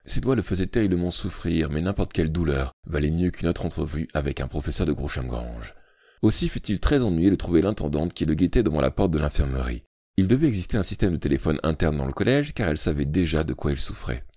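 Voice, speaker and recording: A man reading an audiobook aloud with expressive, dramatic storytelling narration. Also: very deep voice, quick pace, no echo, clean studio sound.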